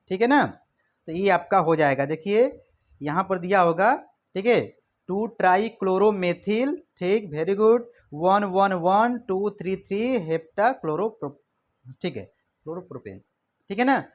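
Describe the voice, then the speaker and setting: A man teaches a chemistry lesson in a loose, conversational way. He repeats each step and keeps checking in, addressing students as brother or child. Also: high-pitched. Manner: repetitive, coaxing, checks in often. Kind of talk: casual classroom explanation.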